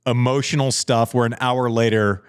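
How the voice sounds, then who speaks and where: A man's voice: mid-range voice, fairly even intonation, normal speed, smooth, no echo, studio quality. A man in his forties co-hosting a casual chat show, emphatic and repeating phrases for stress. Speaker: podcast co-host.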